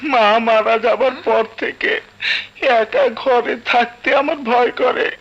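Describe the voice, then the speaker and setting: An actor playing a timid, simple-minded husband who talks slowly and pleadingly. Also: male voice, very high-pitched, creaky, dull audio, exaggerated voice. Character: timid, clingy young husband.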